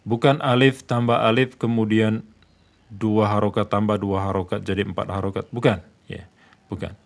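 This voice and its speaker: A man's voice: fairly low pitch, little pitch movement, moderate pace, gravelly. A man teaching a tajwid lesson, patiently repeating each point and posing and answering his own questions. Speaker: Quran recitation teacher.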